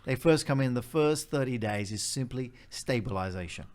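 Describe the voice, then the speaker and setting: A man's voice: medium pitch, animated, moderate pace, darkish tone. A man with an Australian accent, a charity leader explaining in an interview step by step and stressing key points by repeating them.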